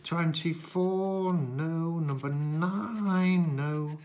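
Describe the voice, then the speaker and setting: A man's voice: fairly high pitch, very slow, a little mellow. A middle-aged man chatting casually while scratching cards, calling out numbers one by one like a bingo caller. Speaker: host of a scratch card channel. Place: indoors at a tabletop.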